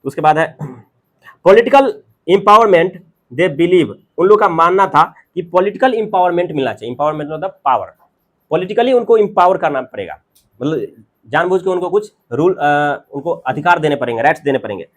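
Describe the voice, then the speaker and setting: A man teaching a class, reading English passages slowly and explaining them in Hindi with everyday examples, with an Indian English accent. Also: on the high side, animated.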